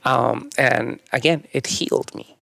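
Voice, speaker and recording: A young man from northern Mexico, a native Spanish speaker and yoga teacher, shares his story as a podcast guest in relaxed, reflective conversation, often pausing on "um" and "like." His medium-pitched voice has a gravelly, fried edge. The recording is dry and close, with no echo or room around it.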